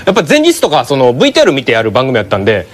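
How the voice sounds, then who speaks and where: A man, a comedian quickly telling a funny backstage story on a studio talk show and acting out the people in it. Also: medium pitch. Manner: fast and excitable, acting out the people in his story. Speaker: comedian guest. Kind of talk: comic anecdote on a talk show. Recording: studio audience laughter. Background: audience laughing.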